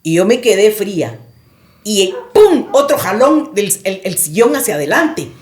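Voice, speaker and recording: A woman's voice: mid-range voice, very animated, measured pace, a little mellow, reverberant. A woman guest on a podcast recounting a personal experience in vivid, dramatic storytelling.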